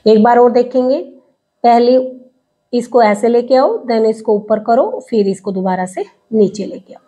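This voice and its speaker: A woman teaching English phonetics, sounding out words slowly syllable by syllable as she explains. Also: a little high, mellow. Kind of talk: slow classroom explanation. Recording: dull lo-fi recording.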